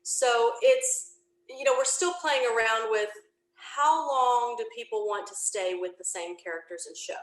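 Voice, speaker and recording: Her voice sits on the high side, with lively intonation and a measured pace. As a podcast creator being interviewed over a remote video call from her home office, she explains her venture informally in a detailed, rambling way. The audio is poor, with an echoey room.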